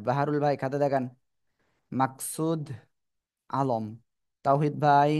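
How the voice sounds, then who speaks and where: A man's voice: mid-range voice, smooth. A man teaching an online class over a video call, repeating his instructions and encouraging the students.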